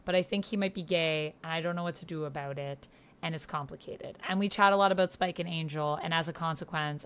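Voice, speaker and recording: A woman streams herself playing a text-based roleplaying game, chatting casually, thinking aloud, and reading messages out while she types. Her voice is low-pitched, smooth, and fairly bright. Keyboard typing creates noticeable background noise.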